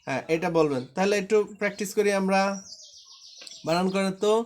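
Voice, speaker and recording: A man with a Bangladeshi Bengali accent leads an online Quran reading class in a high voice. He drills the rules patiently, chanting each line so students can repeat it back. A faint noise sits behind him. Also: a little fast.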